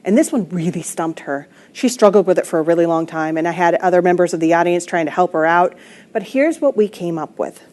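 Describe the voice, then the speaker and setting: A woman's voice: lowish voice, fairly quick, darkish tone. A woman wellness coach giving an online presentation in an earnest, emphatic teaching tone, speaking into a computer microphone.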